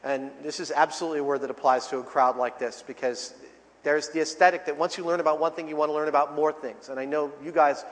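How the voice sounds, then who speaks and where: A man's voice: fairly high pitch, fairly even intonation, quick pace. A man answering audience questions at a live talk, enthusiastic and loose, with some swearing. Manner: enthusiastic, loose, a bit profane. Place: large hall at a convention. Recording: large hall with audience.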